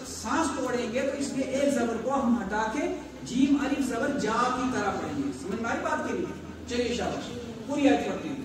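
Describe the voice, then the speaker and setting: A male teacher with a Pakistani Urdu accent, spelling out letters, chanting verses slowly and quizzing pupils by name in a classroom lesson. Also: extremely high pitch. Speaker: Quran recitation teacher. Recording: echoey distant room with noise.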